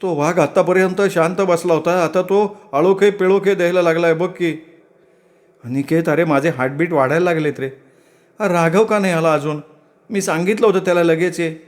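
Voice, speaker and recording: Man doing a scared young woman, high voice, fretful, pleading. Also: normal speed, natural voice. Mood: anxious. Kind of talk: dramatic storytelling.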